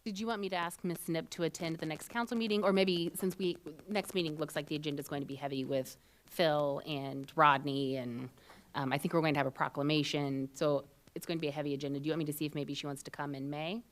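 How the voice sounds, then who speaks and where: A woman's voice: low voice, fairly even intonation, fast talker. A woman serving as city manager, giving a matter-of-fact report to a city council with frequent ums. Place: council chambers.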